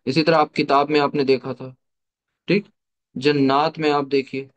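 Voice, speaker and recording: A man's voice: fairly high pitch, level tone, normal speed. A man teaching an online class, explaining step by step, asking rhetorical questions and mixing English terms into his explanations. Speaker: Arabic teacher.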